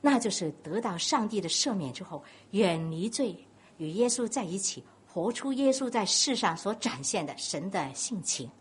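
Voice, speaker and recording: A woman from Guangdong, China, with a Cantonese accent preaches a sermon, telling animated stories and putting questions to the congregation. Her medium-pitched voice is slightly rough and moves at normal speed.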